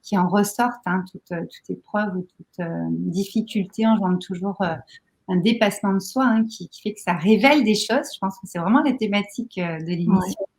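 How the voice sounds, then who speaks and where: A woman's voice: mid-range voice, normal speed, darkish tone. A woman hosting a podcast interview, reflecting on what she hears and putting leading questions to her guest. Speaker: podcast host.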